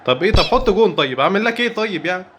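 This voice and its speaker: A young man with an Egyptian Arabic accent giving excitable live commentary over football gameplay, breaking into rapid repeated cries. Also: high-pitched, heavy background noise. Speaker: gaming YouTuber.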